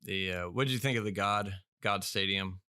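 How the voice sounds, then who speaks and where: A man's voice: low-pitched, normal speed, sharp tone, clean tone, no echo, clean studio sound. A man co-hosting a podcast in casual chat, laid-back and hesitant, often chuckling along. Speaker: podcast co-host.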